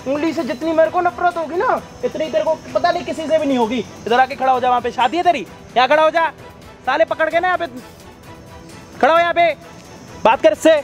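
A man playing a hot-tempered young man who confronts someone in a staged skit, shouting and taunting roughly. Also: extremely high pitch, brisk, soft background music. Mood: angry.

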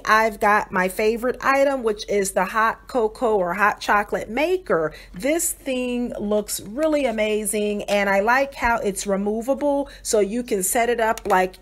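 A woman hosting a doll channel, cheerfully describing toy pieces in an unboxing review voice-over. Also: on the high side. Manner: cheerful, enthusiastic, descriptive with fillers.

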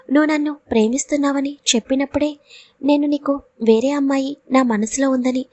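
A woman voicing a devoted young man who gently reassures the woman he loves, in a storybook reading. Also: high-pitched, no echo, natural voice.

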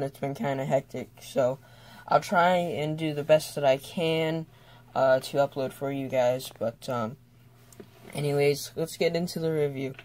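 A young student reviews a toy car casually and without a script, speaking haltingly and letting thoughts trail off. The voice is mid-range with a darkish tone.

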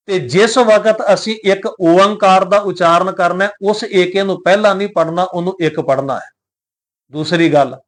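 A man giving a devotional lesson, explaining scripture pronunciation in a measured way and often asking the listeners questions. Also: sits high. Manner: addresses the congregation, poses rhetorical questions. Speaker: Gurbani pronunciation teacher. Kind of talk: devotional teaching talk.

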